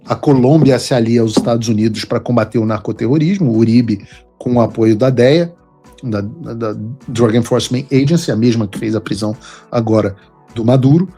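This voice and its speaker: Husky man giving emphatic political commentary. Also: medium pitch, brisk, mellow, soft background music. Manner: emphatic, lecturing.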